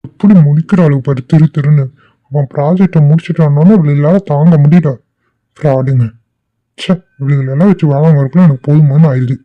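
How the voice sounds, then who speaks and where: A man's voice: a little high, a little fast, natural voice. A man voicing a strict, scolding male boss in a cartoon, who talks in a stern, bossy way. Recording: dull lo-fi dry recording.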